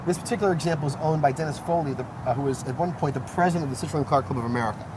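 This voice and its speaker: A man's voice: on the high side, very fast. A man talking casually as a guest about his car, rambling through explanations with fillers, recorded outdoors on a street. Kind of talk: casual chat. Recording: noisy outdoor street sound.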